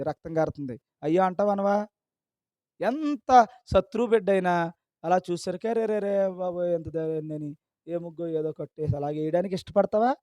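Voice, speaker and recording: A man's voice: high-pitched, warm tone, no room sound, studio quality. A man preaching a sermon, scolding his listeners with a stream of rhetorical questions.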